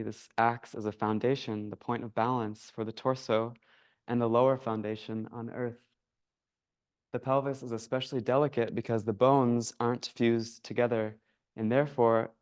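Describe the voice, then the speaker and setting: A man teaching a yoga class, calmly guiding breath and movement. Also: medium pitch, smooth. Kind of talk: guided yoga class instruction. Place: yoga studio.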